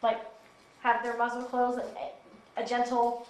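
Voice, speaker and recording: A woman instructor talks through training steps in a calm, patient, practical way. Her voice sits slightly high. The room around her rings with echo. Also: moderate pace, slight background noise. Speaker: guide dog instructor. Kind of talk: explanatory casual interview answers. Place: instructor's office.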